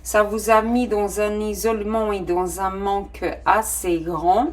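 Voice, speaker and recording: Unhurried and level in tone, a middle-aged woman with a mid-range voice gives a casual tarot reading. She has a non-native French accent, hesitates with plenty of fillers, and reacts to the cards with delighted exclamations.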